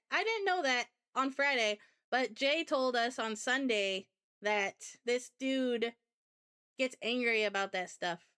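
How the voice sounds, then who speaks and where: High, bright-voiced woman telling a rambling story. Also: clear, resonant tone. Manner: rambling, chatty anecdote telling. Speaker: VTuber streamer. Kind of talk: casual storytelling chat.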